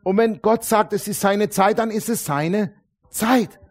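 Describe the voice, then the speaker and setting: Guy preaching a sermon, kinda high voice, gets loud then drops to quiet asides, drags out the big lines. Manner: emphatic, swings between loud declarations and quiet asides; stretches key phrases slowly for weight.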